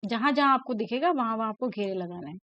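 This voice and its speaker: A woman's voice: fairly high pitch, animated, a bit bright, dry recording. Patient woman teacher, dull dry recording. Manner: patient, repeats words slowly and checks in with "ठीक है ना". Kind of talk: classroom lesson explaining a textbook.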